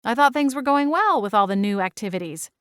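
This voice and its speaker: A woman's voice: on the high side, animated, brisk, clear, resonant tone, dry recording, clean studio sound, lightly acted. A woman playing a wry, friendly young woman in casual audiobook dialogue. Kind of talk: audiobook character voice.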